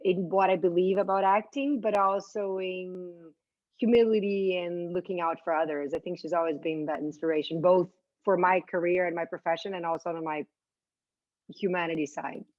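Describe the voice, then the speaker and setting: A woman's voice: fairly low pitch, fairly even intonation, normal speed, a little mellow, no room sound. An enthusiastic woman actress speaking at a press junket, often circling back on words as she searches for them. The sound is dry and close, with a slightly dull, muffled top end. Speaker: actress, interview guest.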